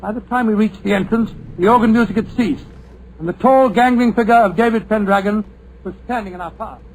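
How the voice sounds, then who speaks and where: Higher-voiced jittery doctor, hissy vintage radio. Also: male voice, fairly quick, a little mellow, low-quality recording. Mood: storytelling. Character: Doctor Watson, genial nervous male narrator. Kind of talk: 1940s radio drama acting. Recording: old radio broadcast with hiss.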